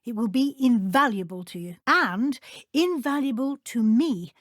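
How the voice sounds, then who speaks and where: An actress playing a brisk, strict but encouraging British witch professor in a video game, speaking in a formal, articulate way. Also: on the high side, expressive, a bit bright, no echo, studio quality. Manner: crisp, formal, articulate schoolteacher. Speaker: professor and deputy head at a wizarding school. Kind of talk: video game character dialogue.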